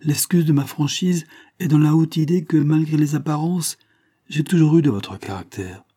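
A man voicing a gentle, earnest young woman pleading with her cousin in a storybook reading. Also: on the high side, moderate pace, slightly rough, no echo, clean studio sound, pitched above the performer's own voice. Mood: pleading tender. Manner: pleading, impassioned.

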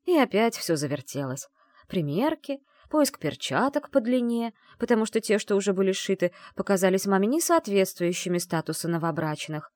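An audiobook narrator, a woman, reads a first-person novel aloud with an expressive, storytelling delivery. Her voice sits in the mid-range and moves at a moderate pace, captured dry with clean studio sound.

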